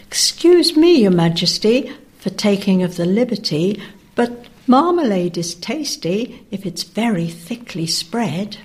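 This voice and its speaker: A man's voice: high voice, very animated, unhurried, pitched above the performer's own voice. A man doing an eager young dairymaid. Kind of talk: reading children's verse aloud.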